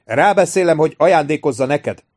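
A man voicing a brisk, quick-witted young prince who calls out, in an audiobook reading. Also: on the low side, lively intonation, dark tone, dry recording, studio quality. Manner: calling out, brisk.

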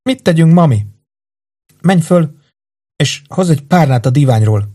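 A male narrator voicing a cold mother who speaks in a flat, toneless way, higher than his own voice.

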